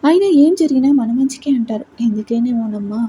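A woman's voice: a little high, brisk, mellow, a little hiss or hum, close to an everyday voice, low-quality recording. A woman voicing an elderly grandmother who talks fondly and asks worried questions. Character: elderly grandmother, fond and fretful.

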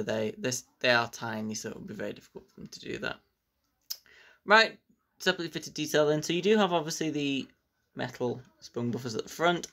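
Gravelly enthusiastic man reviewing. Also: medium pitch, fairly bright tone. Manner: enthusiastic, rambling with fillers like "bits and bobs". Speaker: model railway reviewer. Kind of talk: casual unboxing review.

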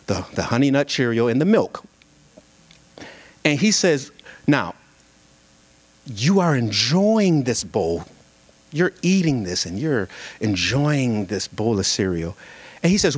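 At a singles conference, a young man stands at the pulpit of a church sanctuary with a handheld mic, telling a humorous, sermon-like story. He is lively and animated, joking with the crowd, in a medium-pitched voice with no echo.

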